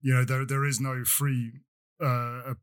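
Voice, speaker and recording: A man's voice: medium pitch, little pitch movement, unhurried, smooth. A British man co-hosting a podcast in casual chat, rambling with many fillers and restarts. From Britain. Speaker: podcast co-host. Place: lives in France.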